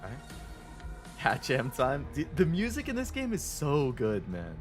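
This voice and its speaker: A man streaming a video game with casual, amused commentary. His medium-pitched voice moves up and down a lot, in a laid-back chatty style, with game music playing behind him. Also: huge pitch swings, a little slow. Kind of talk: casual gameplay commentary and chat.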